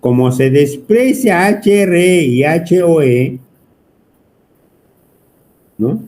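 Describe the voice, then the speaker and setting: A man with a Peruvian Spanish accent teaches an electronics class at a whiteboard, talking at length, teasing his students, and chatting as he questions the class constantly. His voice is a little high, expressive, very slow and darkish, with a little hiss or hum.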